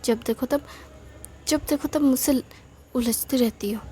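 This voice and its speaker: Teasing, mock-stern big brother in a storybook squabble, mellow tone , voiced by a woman. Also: a little high, fairly even intonation, moderate pace, a little hiss or hum, close to an everyday voice. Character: teasing teenage older brother.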